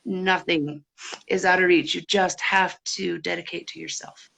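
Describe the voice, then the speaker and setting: Bright emphatic woman from Wyoming. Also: fairly low pitch, steady tone, a little slow, creaky, poor audio. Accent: Wyoming American. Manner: emphatic, encouraging, motivational. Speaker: guest. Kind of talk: livestream interview.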